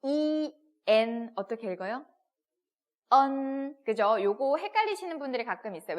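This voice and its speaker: Lively-voiced woman teaching a language lesson. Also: a little high. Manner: explains step by step, asks rhetorical questions; models pronunciations in short repeated syllables. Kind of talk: textbook video lesson.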